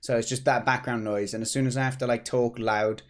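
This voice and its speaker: Hosting an easygoing devlog stream, a British game developer in his thirties speaks into a desk mic in his home office. He sounds slightly hoarse and rambles chattily with restarts, using a mid-range voice with little pitch movement at a slightly fast clip.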